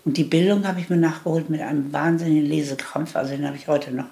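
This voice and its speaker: Gravelly older woman recounting her life. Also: sits low, steady tone, warm tone. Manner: candid, halting with restarts, emphatic on key points. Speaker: interviewee. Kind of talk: reflective life-story telling.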